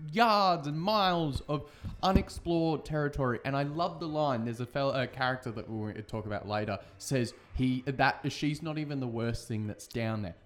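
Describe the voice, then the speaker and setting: A man on a podcast, talking enthusiastically and jokingly about a horror film, swearing casually. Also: mid-range voice. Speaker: podcast co-host.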